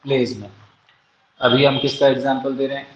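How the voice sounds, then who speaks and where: A man's voice: mid-range voice, fairly even intonation, brisk, slight background noise. A man teaching English literature for an exam, asking rhetorical questions and answering them himself, with an Indian English accent. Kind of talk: exam-prep lecture. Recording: echoey, dull lo-fi room sound.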